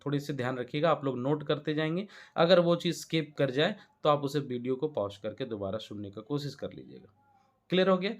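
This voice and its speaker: An Indian-accented man gives an English grammar lesson. His voice sits somewhat high. He explains step by step and keeps checking whether the students have understood. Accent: Indian Hindi-speaking. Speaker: English teacher. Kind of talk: classroom-style grammar lesson.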